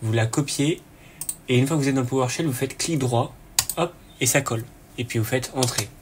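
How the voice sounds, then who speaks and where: A man hosting a casual screen-recorded tech tutorial, relaxed and chatty, often pausing with fillers and a quick "hop" as he clicks. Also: medium pitch, background noise.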